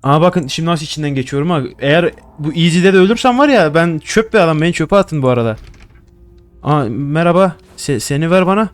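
A man's voice: on the high side, expressive, a little fast, clear, resonant tone, soft background music. A young man commenting on a horror game he plays at home. He gets jumpy, swears a lot and chats to the objects he finds. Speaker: gaming YouTuber. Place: home room.

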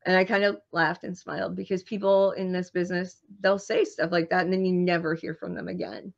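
Woman guest, lowish voice, animated anecdotal delivery, slightly dull lo-fi audio. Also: brisk, creaky. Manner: animated anecdotal storyteller, laughs often. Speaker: screenwriter and marketing guest. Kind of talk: interview storytelling.

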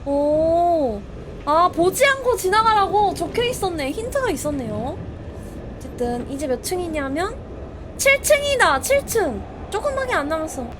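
High-voiced excitable woman streamer. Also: moderate pace, noisy background. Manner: jumpy, shrieks and exclaims when startled. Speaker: game streamer. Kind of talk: live gameplay commentary.

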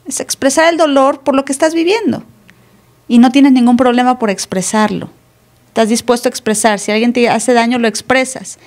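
A woman's voice: fairly high pitch, a little fast, a little mellow. A woman pastor giving a live sermon in a conversational way, acting out quoted dialogue and asking the congregation questions. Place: church. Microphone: live stream.

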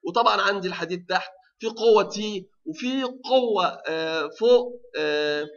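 A man's voice: high-pitched, moderate pace, lo-fi sound. A male university lecturer with an Egyptian Arabic accent, giving a technical lecture, often asking the class rhetorical questions and restarting his sentences.

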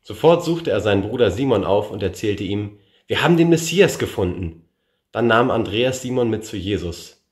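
A man reading a Bible passage aloud in a measured way, lifting his voice for the quoted speakers. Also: on the low side, sing-song, reverberant. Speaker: scripture reader.

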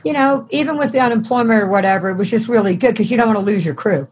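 A woman's voice: a little high, racing, a little mellow, slight background noise. A middle-aged woman with a Southern US accent, chatting casually and folksily as an interview guest. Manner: folksy, laughs often. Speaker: studio manager, guest.

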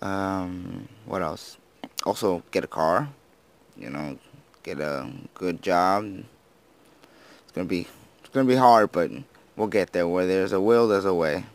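A teenage boy with a notably deep voice rambles through casual commentary as he plays. He apologizes often, laughs at himself and slurs some words, sounding freshly woken. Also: unhurried, pauses often. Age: teens. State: just woken up. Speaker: gaming YouTuber.

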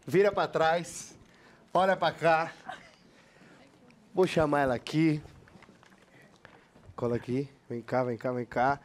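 A man's voice: a little high, slow pace, pauses often, slight background noise. A man hosting a live blind date game, teasing and giving the contestant directions. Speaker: host.

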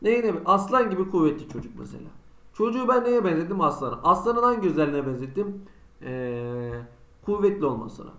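A man's voice: sits high, sing-song, fairly quick, a bit bright, echoey room. A man teaching a school lesson online, asking himself students' questions and answering them in a chatty, teasing way. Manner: conversational, teasing examples. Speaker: Turkish teacher.

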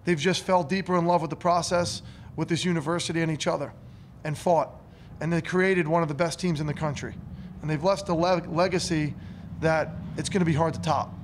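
A man's voice: on the high side, fairly even intonation, brisk, a little hiss or hum. A man in his thirties, a head coach at a postgame press conference, talking earnestly and emotionally and often repeating words, into a table microphone in a press room. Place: press room in front of a curtain. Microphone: table mic on a stand.

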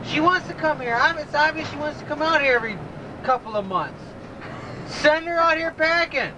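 Nasal high-voiced man, noisy camcorder. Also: lively intonation, moderate pace. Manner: joking, teasing banter. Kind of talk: casual home video message. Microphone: camcorder mic. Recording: loud outdoor noise on home camcorder.

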